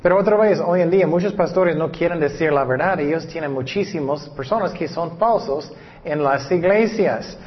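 Higher-voiced man preaching in a reverberant hall. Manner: hesitant, frequent fillers, slow deliberate scripture reading. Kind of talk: sermon with scripture reading. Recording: dull recording with long reverb.

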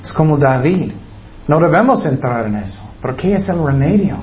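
A man preaching a sermon in an earnest way, letting his voice sink low on heavy words. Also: very animated, normal speed, muffled recording, slight background noise.

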